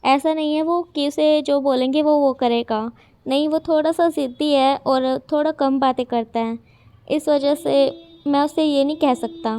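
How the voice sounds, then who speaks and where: Woman voicing a soft-spoken reserved young man. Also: sits high, fairly even intonation, moderate pace, no room sound. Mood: quiet.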